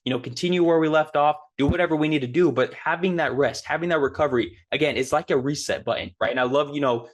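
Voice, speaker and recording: A man hosting a motivational solo talk, quick and repetitive, often tagging his sentences with "right?" and "guys". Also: medium pitch. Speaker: podcast host.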